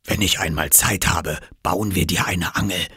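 Storybook audiobook: a man playing a low, soft, secretive father. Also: steady tone, normal speed, husky, no room sound, clean studio sound, exaggerated voice. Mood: conspiratorial.

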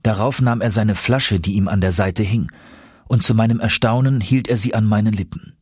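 Guy reading an adventure audiobook, steady, husky and low. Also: no room sound, studio quality. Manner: measured, steady first-person narration. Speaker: narrator.

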